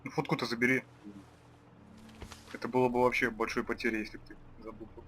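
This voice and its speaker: A man's voice: mid-range voice, level tone, fast, a bit bright, a little hiss or hum. A man who is a native Russian speaker, giving casual, irreverent and slangy commentary as he plays a game. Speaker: gamer.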